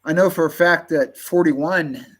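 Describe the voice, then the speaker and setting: A man in his fifties chats on a livestream in an unhurried, meandering way. His speech carries a faint Southern drawl. He pads his sentences with fillers and often trips into restarts as he goes. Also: on the high side, breathy edge, rough recording. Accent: slight Southern drawl. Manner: halting, full of fillers and restarts. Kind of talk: casual rambling chat.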